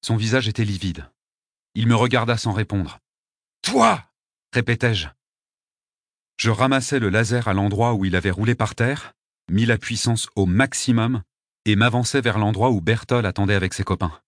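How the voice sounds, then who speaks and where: A man narrating a story in a steady, measured way. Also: on the low side, no room sound, clean studio sound. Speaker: audiobook narrator. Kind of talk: scripted narration.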